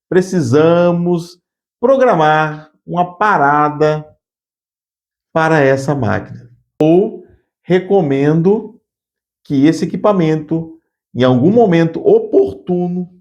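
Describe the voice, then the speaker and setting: A man's voice: fairly high pitch, darkish tone. A man giving an earnest spoken lesson on workplace communication, often repeating words as he thinks. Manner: acts out curt bossy phrases as examples.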